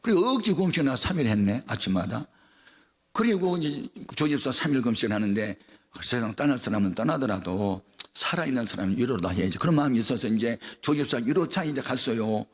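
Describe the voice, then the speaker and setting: A man pastor preaching a revival sermon, telling a story in a folksy way that builds into fervent preaching, with big swings in pitch and loudness. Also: expressive, fairly quick, breathy edge.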